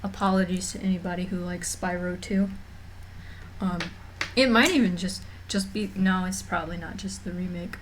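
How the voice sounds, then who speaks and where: A woman's voice: fairly low pitch, steady tone, normal speed, slight background noise. Chatty young woman streaming from home. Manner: rambling, chatty, many fillers and restarts. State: mildly nauseous. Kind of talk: casual livestream chat. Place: home room.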